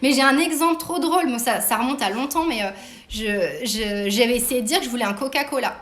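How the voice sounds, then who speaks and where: Middle-aged woman, high voice, casual live-stream host, lots of fillers, roomy phone sound. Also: fast talker, fairly bright tone. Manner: chatty, laughs often, frequent fillers. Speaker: host interviewing her daughter. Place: home room. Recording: roomy echo.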